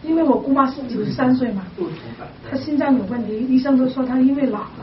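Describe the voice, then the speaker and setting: A woman's voice: high voice, fast talker, a crowd in the background. A woman caller earnestly sharing a personal testimony and asking for advice. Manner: earnest, retells prayers and calls. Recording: distant echoey muffled line with noise.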